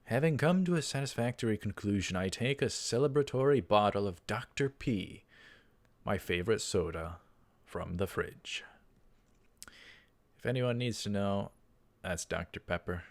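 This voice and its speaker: Fairly low-pitched and animated, this let's play host reads a visual novel at normal speed. He gives casual commentary while reading, drifting a little and correcting himself in asides.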